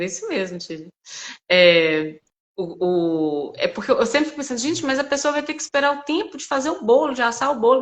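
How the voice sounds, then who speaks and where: A woman's voice: mid-range voice, fairly bright tone. A woman from Belo Horizonte with a Mineiro Brazilian Portuguese accent, chatting casually and animatedly as host of a live stream, laughing often.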